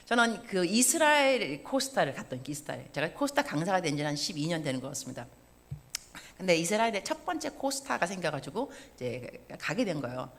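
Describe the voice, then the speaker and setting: 50대 여성 선교사가 교회 예배에서 농담을 섞어 가며 유쾌하게 설교한다. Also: female voice, on the low side, a little fast. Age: 50s. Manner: lively, joking and self-mocking. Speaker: missionary preacher. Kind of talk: sermon. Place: church service.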